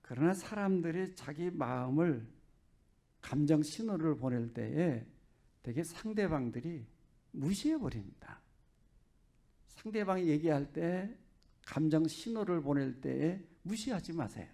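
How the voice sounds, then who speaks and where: Man preaching a sermon, a bit high but dark and gravelly, chatty and jokey with lots of questions. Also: expressive, measured pace. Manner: conversational, joking preaching with rhetorical questions. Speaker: pastor.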